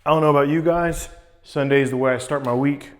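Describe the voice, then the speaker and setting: A man chatting casually to camera with breathy sighs, just out of an ice cold plunge. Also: on the high side, fairly even intonation, quick pace. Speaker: vlogger doing a cold plunge challenge. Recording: long echoing reverb.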